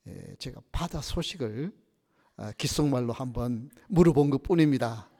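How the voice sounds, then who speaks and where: A man voicing a sly, unruffled male customer who answers calmly and smugly, in a reverberant church. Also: medium pitch, normal speed, natural voice. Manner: smug, deadpan.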